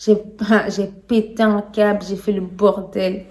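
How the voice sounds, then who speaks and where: A young woman vlogging her own story, animated and acting out the voices of the people in it. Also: mid-range voice, a little slow. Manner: animated, acts out her own and others' quoted words, laughs at herself. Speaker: vlogger telling her testimony. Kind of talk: casual storytelling to camera.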